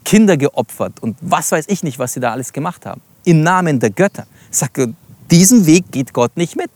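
A man's voice: fairly high pitch, sing-song, normal speed, darkish tone, no echo. A man teaching from the Bible in a sermon, reading verses aloud and explaining them, stressing single words and addressing his listeners directly. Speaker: preacher.

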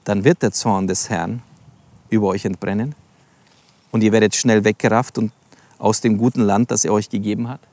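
A man's voice: lowish voice, steady tone, normal speed, pauses often, darkish tone, no echo. A man teaching from the Bible in a sermon, reading verses aloud and explaining them, stressing single words and addressing his listeners directly. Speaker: preacher.

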